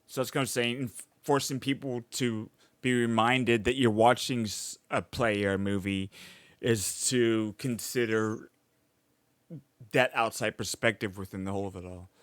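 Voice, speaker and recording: A man's voice: medium pitch, steady tone, a little slow, fairly bright tone, no room sound. A man co-hosting a podcast in casual chat, playful, laughing often and explaining with analogies. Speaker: podcast co-host.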